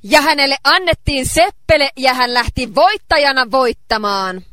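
A woman interpreting a sermon phrase by phrase, relaying each line in a steady way. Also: sits high, no echo.

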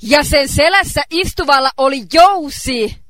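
Female church interpreter, high and bright, dry close sound, steady phrase-by-phrase delivery. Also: no room sound. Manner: steady, faithful relaying of each phrase. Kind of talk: sermon interpretation.

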